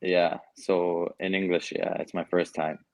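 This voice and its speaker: A young adult man with a Canadian accent, appearing as a guest soccer player, answers interview questions in a relaxed, hesitant way full of fillers. His voice is low and unhurried, with no room sound.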